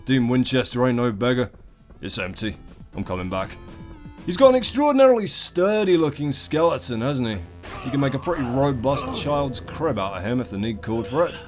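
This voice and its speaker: A British man hosts comedic game commentary in a medium-pitched voice. His delivery is irreverent and theatrical, full of colloquial swearing and mock-grand flourishes. Music plays faintly behind him. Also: very animated, a little fast, a little mellow. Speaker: gaming video host. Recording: voice over a music bed.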